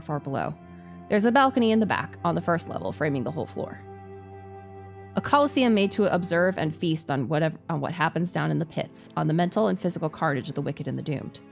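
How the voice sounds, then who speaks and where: A woman streamer reads a visual novel aloud, narrating the game text dramatically and sometimes stumbling over hard words, then repeating them. Her voice is lowish and creaky, with music playing behind it.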